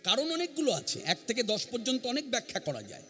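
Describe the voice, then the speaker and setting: High-voiced, lively man preaching. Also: quick pace, soft background music. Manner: earnest, emphatic, repeats key phrases. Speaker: kirtan singer and preacher. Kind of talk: devotional sermon at a gathering. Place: standing before an assembly.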